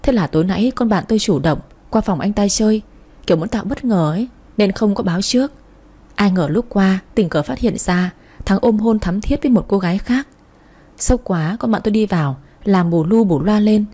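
A woman's voice: medium pitch, fairly quick, warm tone, husky. A young woman narrating a first-person story in a wry, matter-of-fact way.

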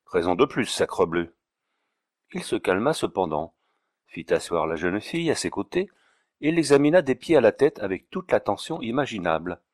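A man with a low voice narrates a classic novel in measured, expressive sentences. The recording is close-miked and completely dry, with no room sound. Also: dry recording. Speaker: audiobook narrator.

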